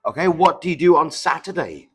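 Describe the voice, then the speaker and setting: A man with a slightly high, husky, somewhat bright voice speaks expressively and a little quickly. He plays the examiner in a mock English speaking test, posing simple questions and patiently repeating and rephrasing them.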